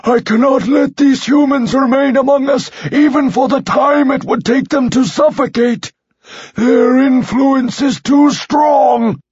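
A shrill, domineering male alien leader who speaks slowly and with cold authority. His high voice is breathy and husky. The sound is dry and dull. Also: no echo, heavily acted. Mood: furious, shouting. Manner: commanding, shrill when shouting.

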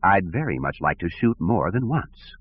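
A man's voice: low-pitched, big pitch swings, normal speed. A man voicing a petty, pompous male station director who talks in fussy, bureaucratic tones. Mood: snappish. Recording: tinny phone-like audio.

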